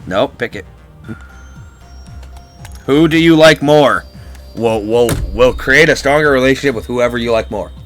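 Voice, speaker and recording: A man hosts a game playthrough in a casual, crude and joking way. His voice is bright and forceful, and his swearing comes out emphatic. Faint game music runs underneath. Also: medium pitch, unhurried, long pauses. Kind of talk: casual gameplay commentary.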